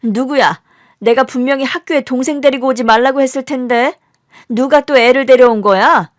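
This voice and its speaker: A woman voicing a strict, irritable schoolteacher who scolds pupils with sharp, raised speech. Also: sits high, moderate pace, no echo, studio quality, pitched above the performer's own voice, close to an everyday voice. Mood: angry.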